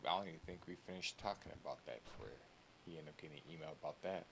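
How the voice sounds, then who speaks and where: A man's voice: a bass voice, very fast, creaky, a bit bright, breathy edge. A man speaking in a roleplay meeting, hesitant and full of ums. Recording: faint hiss.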